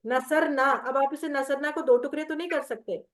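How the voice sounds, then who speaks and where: A woman's voice: high voice, steady tone, normal speed. A woman teaching Quranic Arabic grammar in an online class, patient and step by step, reciting verb tables. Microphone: video call.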